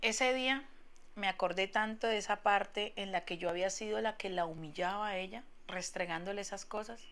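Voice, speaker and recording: Mujer colombiana narrando su propia historia, arrepentida, enfática, voz de tono medio. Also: female voice, medium pitch, brisk, fairly bright tone. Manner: regretful, emphatic, acts out quoted people. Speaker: woman telling her own story. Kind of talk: confessional first-person testimony.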